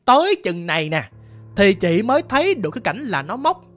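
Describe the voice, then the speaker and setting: A woman's voice: medium pitch, sing-song, fairly quick. A woman telling a first-person ghost story in a chatty way, speaking directly to her listeners.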